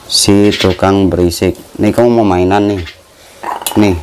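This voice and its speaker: A man's voice: sits low, steady tone, unhurried, noisy background. A man vlogging casually from his home bird cages, chatting to viewers and coaxing his birds in a playful voice, filmed on a phone. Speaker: pet bird keeper and channel host. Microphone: phone camera. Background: bird calls and clicks.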